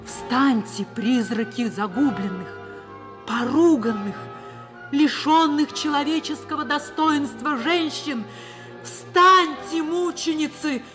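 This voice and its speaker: A woman acting a grave, defiant woman who recalls her harsh youth, in a breathy, hushed, solemn 1960s radio drama narration. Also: sits high, over music. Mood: impassioned. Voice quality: breathy, often hushed to a whisper. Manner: slow, solemn, impassioned declaiming. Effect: old radio show sound.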